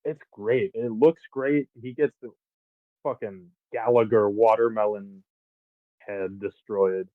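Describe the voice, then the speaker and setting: A man's voice: fairly low pitch, steady tone, takes it slowly, dry recording. A man co-hosting a podcast, chatting casually about a film and recapping its plot with the odd swear word. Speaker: podcast co-host. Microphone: faulty microphone. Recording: tinny phone-like mic.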